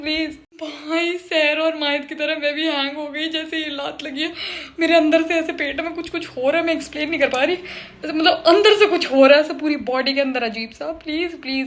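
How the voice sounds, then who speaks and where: A woman's voice: high voice, fairly bright tone. A woman reviewing a TV episode in casual chat, emotional and dramatic, repeating herself for emphasis and mixing in English phrases. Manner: emotional, switches between Hindi and English mid-sentence. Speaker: show reviewer.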